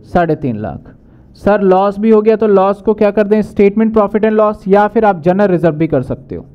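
A man teaching accounting in a brisk lecture, asking questions and answering them himself. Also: sits high, animated, highs cut off. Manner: brisk, asks and answers his own questions. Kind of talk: whiteboard lecture.

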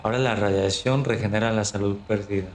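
A man giving casual, unhurried gameplay commentary on a livestream, thinking aloud as he plays. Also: fairly low pitch, fairly even intonation. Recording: roomy echo with clear background noise.

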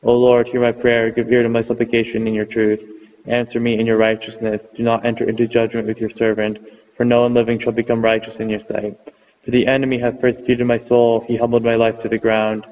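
A man reads psalms in an unhurried, liturgical, chant-like monotone, staying on nearly one pitch throughout. The recording sounds muffled and dull, and his voice fades into a long church reverb.

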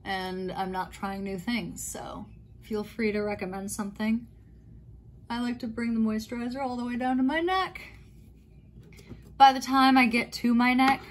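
Woman rambling thru her skincare routine on camera, soft-spoken, lots of likes and ums, bit of faint hiss behind. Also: fairly high pitch. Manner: chatty, meandering, with little fillers and self-corrections. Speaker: skincare vlogger. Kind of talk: casual talk-through while doing skincare.

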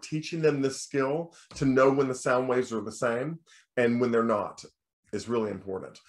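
A middle-aged American choir teacher with a bass voice gives a recorded lecture over slides. His manner is relaxed and explanatory, and he breaks into sung demonstrations.

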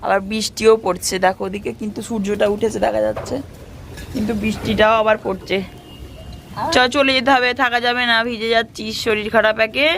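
A woman's voice: on the high side, flat delivery, a little fast, creaky, a bit bright, a little hiss or hum. Chatty young mother vlogging on a rooftop. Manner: chatty, talking to viewers while coaxing her small daughter. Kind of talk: casual vlog narration to viewers. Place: rooftop outdoors in light rain.

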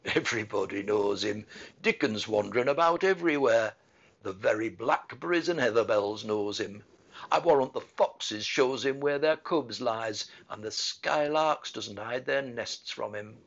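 A man voicing a gruff old male gardener with a put-on Yorkshire dialect, blunt and dismissive, in a muffled lo-fi recording. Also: medium pitch, unhurried, a bit bright. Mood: grumbling.

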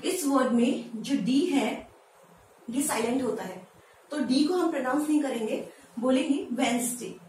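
A woman teaching English pronunciation in Hindi, who asks her viewers questions and spells words out slowly, syllable by syllable. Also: sits high. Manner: lively, asks viewers questions and answers them. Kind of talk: Hindi-language pronunciation lesson. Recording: echoey room, voice from a distance, faint background noise.

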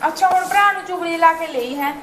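A woman playing a shrill, spiteful sister-in-law. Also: a little fast, a bit bright, slight background noise. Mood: defensive. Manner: scolding, dismissive. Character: spiteful young sister-in-law, sharp-tongued. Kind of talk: amateur short-film acting.

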